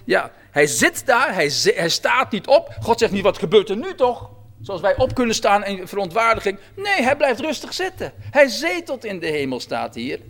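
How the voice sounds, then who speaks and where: A preacher in full sermon mode. His voice sits high for a man and swings up and down with lively, animated delivery as he acts out quoted speech. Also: normal speed, few pauses. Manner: animated, acts out God's words. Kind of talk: sermon on a psalm.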